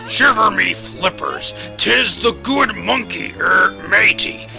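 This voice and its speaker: A man acts out a jolly old seal with the gruff manner of an old fisherman and pirate. The voice is gravelly yet pitched high, drawling slowly through game dialogue. Music plays behind. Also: full character voice. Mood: jolly, boastful. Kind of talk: reading video game character dialogue aloud.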